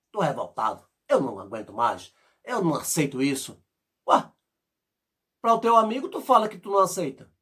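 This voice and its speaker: Fervent high-voiced man preaching. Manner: fervent, pleading, shifting loud and soft. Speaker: pastor. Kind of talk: sermon.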